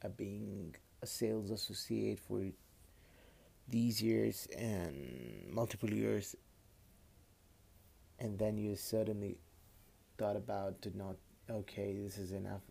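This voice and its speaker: A man in his late twenties with a Kashmiri accent, talking casually and haltingly as a podcast host, often repeating words, recorded on a phone. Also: on the low side, vocal fry, dark tone, breathy edge. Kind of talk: casual personal monologue.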